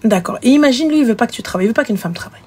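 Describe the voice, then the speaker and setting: A woman hosting a live show, giving frank, animated relationship advice and acting out little scenes. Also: a little high, rapid-fire, slightly rough. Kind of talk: casual advice chat.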